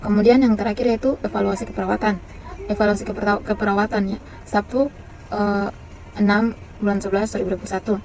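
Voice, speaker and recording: A woman reading a nursing care plan aloud, halting often with fillers and restarts, in a flat, list-like way. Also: medium pitch, rough recording.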